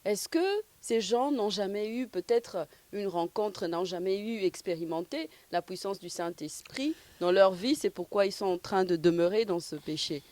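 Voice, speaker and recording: A woman interviewer asking a pastor questions in a soft, affirming way. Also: medium pitch, animated, normal speed, dry recording.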